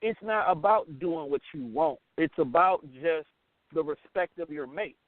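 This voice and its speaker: A middle-aged American man hosts a radio show, speaking casually and candidly with a fairly high pitch and lively intonation. He's blunt and emphatic, repeats his phrases often, and talks a little slowly. The audio is tinny and band-limited like a phone line, with no room sound.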